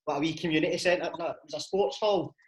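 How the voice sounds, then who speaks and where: A man's voice: a little high, steady tone, quick pace. A Scottish man interviewing in a casual, chummy and informal way, swearing now and then. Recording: clearly noisy background.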